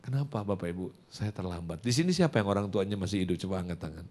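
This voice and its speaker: A man's voice: low-pitched, quick pace, a little mellow. A male pastor preaching a sermon in a church, telling a personal story, acting out dialogues and speaking directly to the congregation. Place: church service before a congregation.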